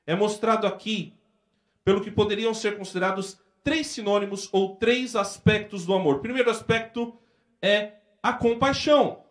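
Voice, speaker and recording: A man's voice: high-pitched, fairly even intonation, normal speed, fairly bright tone. A man with a Brazilian accent preaching a sermon as pastor, retelling scenes vividly in everyday speech.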